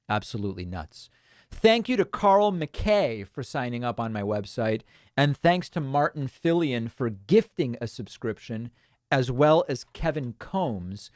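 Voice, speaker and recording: A man's voice: mid-range voice, no room sound, clean studio sound. An American man hosting a livestream with casual political commentary and chat with viewers.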